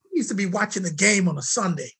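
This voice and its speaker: High, husky-voiced man telling a story. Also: quick pace, rough recording. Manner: animated, emphatic storyteller. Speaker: guest. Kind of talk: storytelling in conversation.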